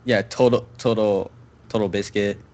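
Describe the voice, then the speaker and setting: A man's voice: lowish voice, steady tone, moderate pace, a little mellow. A young man, a guest on a gaming stream, chatting in a joking, laid-back way. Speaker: guest YouTuber. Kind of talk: casual chat.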